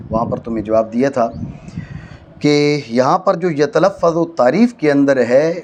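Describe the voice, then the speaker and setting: A man's voice: medium pitch, darkish tone, slight background noise. A man teaching a classroom lesson, dictating phrase by phrase and quizzing his student. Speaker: teacher of Arabic grammar.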